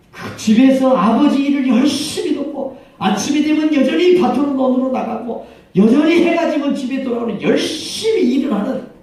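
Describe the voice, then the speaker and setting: A male pastor preaching a sermon, telling a story in a lively, chuckling way. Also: very high-pitched, gravelly. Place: church sanctuary. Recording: echoey church hall from far off.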